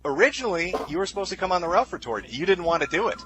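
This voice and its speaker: A man's voice: high voice, expressive, rapid-fire, fairly bright tone, low-quality recording. A man ranting in a dismissive, mocking tone on a video.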